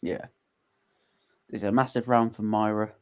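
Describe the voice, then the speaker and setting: A man's voice: lowish voice, little pitch movement, a little slow, clean tone. Chatty man giving casual fight commentary. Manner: chatty, laughs often, recaps for viewers. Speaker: co-host of a fight watchalong.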